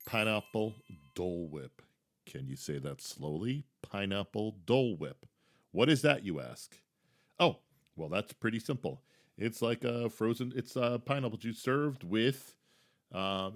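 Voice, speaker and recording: A man with a somewhat low voice hosts a podcast in a loose, casual way. He talks with easy enthusiasm and often restarts his sentences mid-thought. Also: fairly bright tone. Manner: chatty, enthusiastic, repeats words when restarting. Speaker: podcast host. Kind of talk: casual theme-park tips talk.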